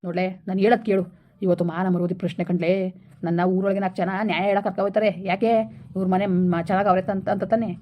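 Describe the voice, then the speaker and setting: A woman playing a middle-aged village man who hushes and bosses his family to protect his election chances, in a comedy skit. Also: medium pitch, steady tone, rapid-fire, muffled recording, slight background noise, close to an everyday voice. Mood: persuading. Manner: hushing, persuasive, bossy.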